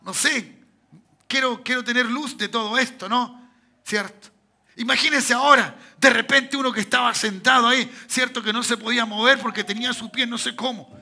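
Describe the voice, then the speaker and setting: A man with a Chilean accent, a pastor preaching a sermon full of rhetorical questions to the congregation, with sudden shouted bursts. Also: very high-pitched, fairly even intonation, moderate pace, creaky. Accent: Chilean Spanish.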